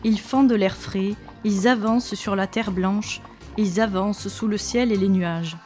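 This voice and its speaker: A woman reading a children's story aloud in a lively, expressive way. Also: mid-range voice, unhurried, soft background music.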